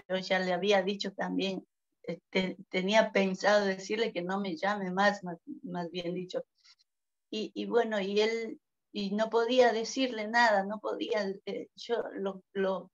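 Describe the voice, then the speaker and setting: A woman giving a halting, earnest personal testimony at a church Bible study, repeating her pleas. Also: mid-range voice, dull audio.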